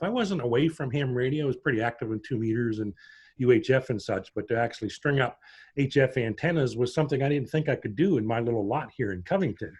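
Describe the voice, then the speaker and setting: A man's voice: medium pitch, breathy edge. A middle-aged man from Pittsburgh introducing himself on a video call, chatty and rambling as he tells his story. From Pittsburgh, USA. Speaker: prospective club member.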